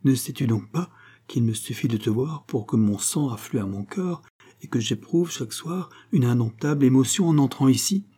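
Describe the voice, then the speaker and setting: A man's voice: mid-range voice, normal speed, husky, voice pushed up. A man playing a cold, scheming nobleman. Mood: calm, probing. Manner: calm, guarded, quietly scheming. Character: cold calculating Spanish nobleman, young man.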